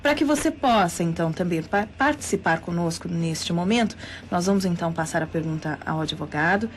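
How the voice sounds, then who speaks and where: A woman's voice: fairly low pitch, slight background noise. A Brazilian woman hosting a live radio interview show, announcing the topic and contact details in an announcer-like way. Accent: Brazilian Portuguese. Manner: announcer-like, reads phone numbers and email slowly. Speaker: radio host. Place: radio studio.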